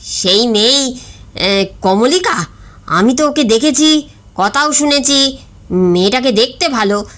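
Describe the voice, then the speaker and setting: A gossipy male friend who shares what he knows in a confiding tone, as a woman voices him. She lowers her voice for him and reads at a slow pace. The setting is a comic story reading. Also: fairly bright tone.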